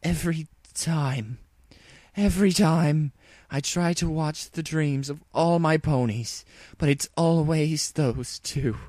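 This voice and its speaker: A man's voice: on the high side, takes it slowly, darkish tone, no room sound, voice pushed up. A man voicing a frazzled, sleepless pony princess who speaks in a regal, archaic, theatrical storybook manner. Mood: exasperated. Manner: archaic, theatrical, grandly despairing.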